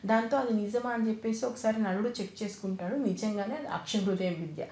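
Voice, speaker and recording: A woman's voice: mid-range voice, a little fast, a little mellow, roomy sound. A woman retelling an old epic story in a casual, conversational way, quoting the characters in plain everyday speech.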